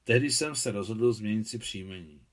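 A man reading a novel aloud, voicing a weary aging man who lives under a false name, in a quiet, confessional manner. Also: fairly low pitch, lightly acted.

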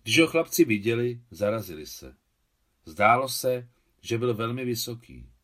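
A man reading his own translation of a novel aloud, with calm, measured audiobook narration. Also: medium pitch.

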